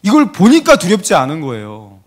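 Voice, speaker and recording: A man's voice: sits high, huge pitch swings, fairly quick. A male pastor preaching a sermon in a church, telling the story dramatically and asking the congregation questions.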